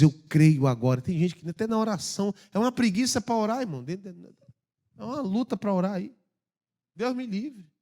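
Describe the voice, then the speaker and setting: High-voiced impassioned Brazilian pastor. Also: male voice. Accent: Brazilian Portuguese. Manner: impassioned preaching, swinging from loud urging to hushed asides. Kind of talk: sermon. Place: church.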